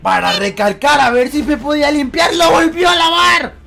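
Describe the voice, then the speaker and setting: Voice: high voice, moderate pace, vocal fry, bright, forceful tone. A gamer improvising a comic roleplay, muttering asides and exclaiming dramatically.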